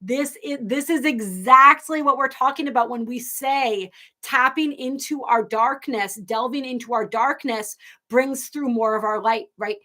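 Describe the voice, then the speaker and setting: A woman's voice: fairly high pitch, fairly bright tone. A woman hosting a live spiritual stream, talking casually and effusively to viewers, rambling with many restarts and at times near tears. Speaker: host of a live astrology and tarot stream.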